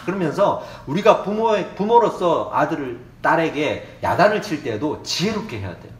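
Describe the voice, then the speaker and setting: A male pastor with a Gyeongsang Korean accent preaching a Sunday sermon. His voice sits high and swings widely as he plays out quoted prayers and dialogue. It carries through an echoey church room. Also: big pitch swings, normal speed. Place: church sanctuary.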